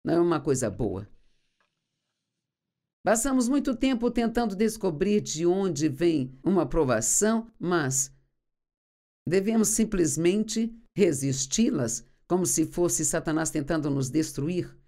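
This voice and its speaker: Female Bible teacher, earnest and instructive, warm, slightly low voice. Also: very animated, unhurried. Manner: earnest, instructive, reads scripture aloud. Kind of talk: sermon teaching, dubbed voice-over.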